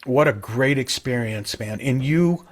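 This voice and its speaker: A man's voice: mid-range voice, measured pace. A man hosting a casual podcast interview, enthusiastic and asking long, rambling questions. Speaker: podcast host.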